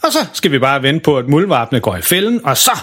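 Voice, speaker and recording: A man playing a bumbling, stubborn dad, husky, higher and lively, storybook. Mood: proud. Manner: eager, loud outbursts, determined. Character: stubborn excitable middle-aged father, bumbling.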